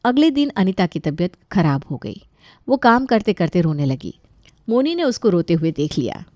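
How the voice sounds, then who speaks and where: A woman reads a scripted family story calmly and evenly. Her tone is mellow. The recording is dry and close. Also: on the low side, normal speed, no room sound. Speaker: narrator.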